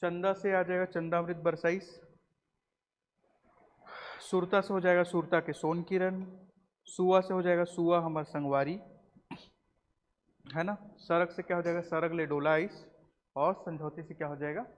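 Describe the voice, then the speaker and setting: A man's voice: high voice, steady tone, measured pace, long pauses. A man, teaching a classroom lecture, quizzing students and repeating their answers. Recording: roomy classroom recording, dull and slightly noisy.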